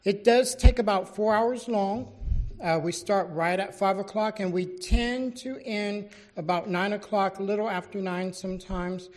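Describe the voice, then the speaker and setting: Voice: mid-range voice, measured pace, darkish tone. A fire chief giving an informal, matter-of-fact presentation at a public council meeting.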